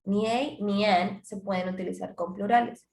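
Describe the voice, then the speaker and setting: A woman's voice: medium pitch, steady tone, normal speed, a little mellow. A woman teaching an English grammar class, explaining step by step and switching between Spanish and English examples. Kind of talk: online class lesson. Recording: roomy echo.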